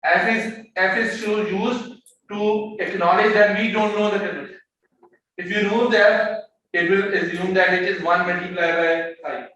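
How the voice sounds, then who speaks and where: Echoey lecturer teaching economics. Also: male voice, high voice, little pitch movement, sharp tone. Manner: explanatory, halting with repeated words and pauses; mixes English with Hindi-Urdu phrases. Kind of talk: classroom lecture. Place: classroom. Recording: very echoey room, mic far off, faint background noise.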